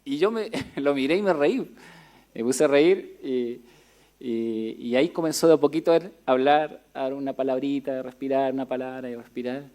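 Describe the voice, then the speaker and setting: Mellow-voiced pastor preaching. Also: male voice, mid-range voice, moderate pace. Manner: conversational, hesitant with many fillers, reads scripture steadily. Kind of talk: sermon with personal story and scripture reading. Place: church.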